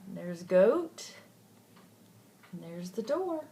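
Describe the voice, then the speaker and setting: A woman's voice: lowish voice, big pitch swings, slow. Sweet older woman reading aloud, background noise. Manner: sweet old lady, gentle and affectionate. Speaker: grandmother reading a bedtime story to a child. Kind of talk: read-aloud picture book storytelling with asides to a child. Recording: clearly noisy home recording.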